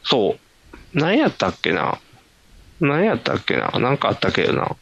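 A man with a Kansai accent co-hosting a casual podcast chat, easygoing and quick to laugh, with lots of nods and agreeing replies. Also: medium pitch, wildly swooping pitch, creaky, fairly bright tone, breathy edge, no echo, dull audio. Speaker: podcast co-host.

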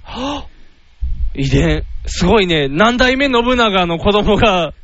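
A man with a Kansai accent co-hosting a casual chat, animated and jokey, acting out silly little scenes. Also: high voice, slow, no room sound. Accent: Kansai Japanese. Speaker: podcast co-host. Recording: slightly dull lo-fi sound with faint noise.

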